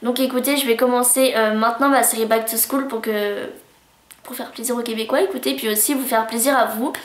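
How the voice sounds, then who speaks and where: A woman's voice: fairly high pitch, steady tone, fairly quick. Chatty bubbly woman in an echoey room. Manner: chatty and bubbly, gushing with cutesy words. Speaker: beauty vlogger. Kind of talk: casual monthly favourites vlog. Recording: roomy echo.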